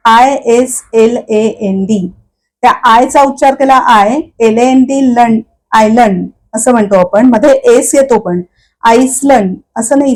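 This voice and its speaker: A woman teaching English pronunciation, explaining each word slowly and patiently with many repetitions. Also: fairly high pitch, a little mellow, rough recording. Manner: slow, patient explaining with repeated words. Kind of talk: Marathi-medium English pronunciation lesson.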